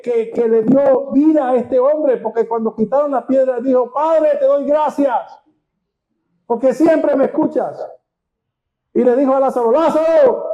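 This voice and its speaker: A pastor preaching a sermon, retelling scripture dramatically and firing rhetorical questions at the congregation. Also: male voice, extremely high pitch. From Venezuela. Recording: dull lo-fi sound.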